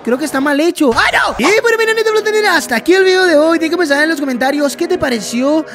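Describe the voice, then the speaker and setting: A man giving excited let's-play commentary, chatting to viewers as friends and yelping at scares. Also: very high-pitched, quick pace, a crowd in the background. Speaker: gaming YouTuber.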